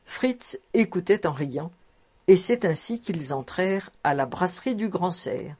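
A woman reading a classic novel aloud as an audiobook narrator, in a clear and measured storytelling manner. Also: on the low side, lively intonation, darkish tone. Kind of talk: scripted literary narration.

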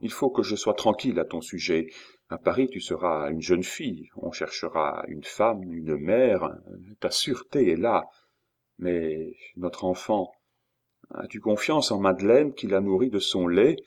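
A man's voice: low voice, lively intonation, measured pace, heavily acted. A man reading aloud, voicing an earnest, devoted young engraver who reassures his wife.

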